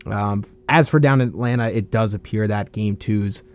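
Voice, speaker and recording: A man's voice: fairly low pitch, moderate pace. A man co-hosting a casual sports talk show in a matter-of-fact, skeptical way. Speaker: sports radio co-host.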